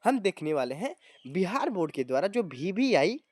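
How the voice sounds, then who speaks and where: A man's voice: sits high, big pitch swings, normal speed, a little mellow, no echo. A man teaching a grammar lesson to exam students, explaining step by step and often addressing viewers as friends. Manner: explanatory, often calling viewers "friends" and adding tag words.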